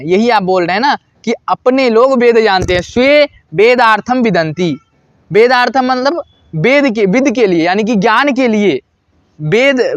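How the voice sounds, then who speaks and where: A man teaching a Sanskrit grammar lesson, who asks questions and answers them himself and repeats each example slowly. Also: high voice, no room sound, muffled recording.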